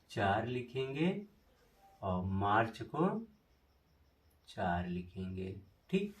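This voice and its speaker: Slow-paced male tutor. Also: on the low side, a little mellow, far from the mic. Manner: slow, repetitive, drilling memory tricks. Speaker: teacher. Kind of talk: exam-prep lesson.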